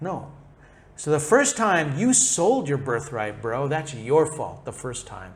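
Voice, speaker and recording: A man teaching a Bible passage in a casual, conversational way, pausing for an interpreter and playfully acting out the characters. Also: mid-range voice, wildly swooping pitch. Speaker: preacher teaching through interpreter.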